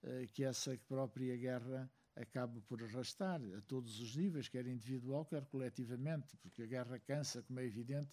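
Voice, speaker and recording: A man from Angola speaks to a seated audience in a measured, reflective way, pausing often to find his words. His voice is mellow and dark, and his pitch sits in an ordinary middle range. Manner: reflective, measured, many hesitations. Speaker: speaker at a book launch.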